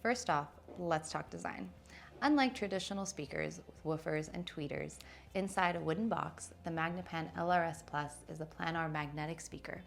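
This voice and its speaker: This thirty-something woman delivers a product review to camera at a moderate pace, chatting naturally and punching key words for emphasis. She has a fairly low voice heavy with vocal fry, and she's filmed in an indoor showroom against a wood-slat wall.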